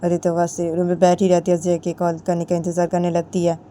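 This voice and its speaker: A woman's voice: on the low side, monotone, brisk, mellow. A woman narrating a romantic story in a plain, repetitive storytelling manner.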